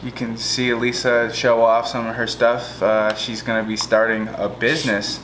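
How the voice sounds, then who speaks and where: A man's voice: medium pitch, flat delivery, moderate pace, background noise. A man co-hosting a casual home cooking video, rambling and repeating his points to viewers. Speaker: co-host of a family cooking channel. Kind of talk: casual cooking demo chat. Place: home kitchen. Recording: echoey kitchen with clattering dishes.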